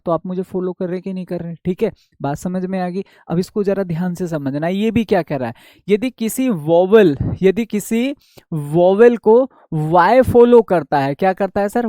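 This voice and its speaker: A man's voice: high-pitched, warm tone, no echo, studio quality. Man teaching spelling rules in English. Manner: asks and answers his own questions, repeating key points. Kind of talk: online class lecture.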